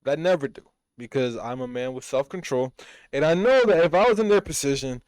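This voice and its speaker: A man's voice: mid-range voice, lively intonation, a little fast, darkish tone, no room sound. A man co-hosting a podcast in casual chat, blunt and swearing freely. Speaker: podcast co-host.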